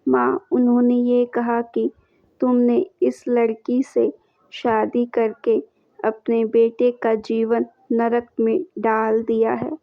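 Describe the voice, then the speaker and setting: An anxious young bride pours out her troubles to her mother in a pleading, tearful way, as a woman storyteller puts her on. The voice sits a little high with a gravelly edge. The recording is dry and dull, like a lo-fi home setup. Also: monotone, slow pace, no room sound.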